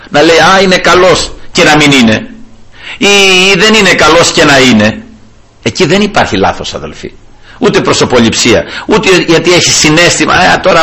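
A man's voice: on the high side, sharp tone, slightly rough. A man preaching a fervent sermon, addressing the brethren often and repeating refrains of praise to the Lord.

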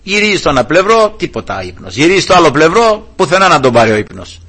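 A man's voice: a little high, sing-song, pushed and bright, slightly rough. A male preacher giving a sermon, telling a Bible story and calling his listeners brothers.

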